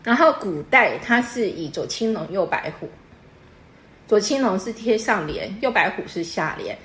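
Speaking in an echoey room with slight background noise, this woman has a medium-pitched, expressive, somewhat bright voice and keeps a moderate pace. She's a patient, teacherly host explaining customs to a guest over casual talk and quizzing her throughout.

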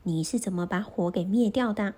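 A woman voicing a stern old male temple elder who scolds in a raised, breathy voice. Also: mid-range voice, fairly quick, mellow, close to an everyday voice. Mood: lecturing.

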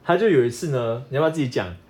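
A quick, lively man's voice with a mid-range pitch that swings widely as he talks. He co-hosts a casual chat with his wife, coaching-style explanations mixed with animated retellings of their arguments. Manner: animated, acts out his wife's whining in quotes. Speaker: podcast co-host, fitness coach.

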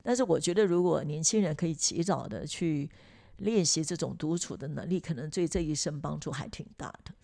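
Gravelly-voiced woman chatting reflectively. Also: deep voice, brisk, mellow. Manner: reflective, chatty, many fillers and restarts. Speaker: podcast host. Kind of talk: casual chat.

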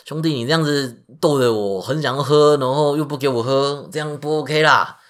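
A man with a Taiwanese Mandarin accent voicing a boastful young hero, loud and cocky. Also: medium pitch, normal speed, pitched above the performer's own voice, close to an everyday voice. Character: brash boastful male hero, young and strong.

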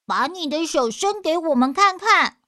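A woman voicing a group of alert young children who refuse to open the door, high and insistent. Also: expressive, moderate pace, bright, forceful tone, no echo, studio quality, exaggerated voice. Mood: defiant.

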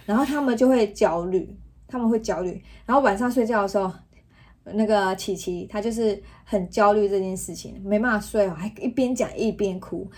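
Woman in her 30s, podcast mom, brisk and earnest, mid-range voice. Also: mid-range voice, darkish tone, slightly rough. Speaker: podcast co-host and mother. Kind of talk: casual parenting podcast chat.

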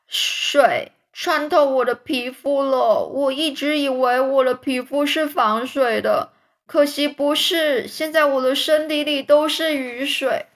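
A gloomy earthworm from a storybook, as a woman reads him grumbles in a raised, whiny voice. His complaints are slow and stretched out. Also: high voice, pitched above the performer's own voice.

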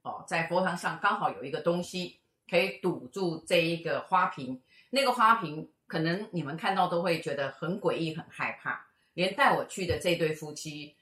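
A middle-aged woman tells a story in a casual chat and briskly acts out the people in it. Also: on the low side. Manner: lively, acts out the voices of people in her stories. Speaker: fortune teller and show co-host. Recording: echoey room.

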